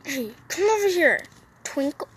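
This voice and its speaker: High-voiced woman chatting through a game. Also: big pitch swings, a little slow. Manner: chatty and playful, talking to viewers while playing. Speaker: mobile game vlogger. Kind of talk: casual gameplay commentary. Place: sitting on a roof outdoors. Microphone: phone.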